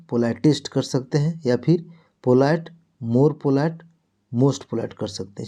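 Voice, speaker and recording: A man gives a grammar lesson in Hindi at a slow, unhurried pace. His voice is dark and mellow as he recites word lists in a steady drilling rhythm. He keeps asking questions and answering them himself. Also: mid-range voice. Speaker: teacher.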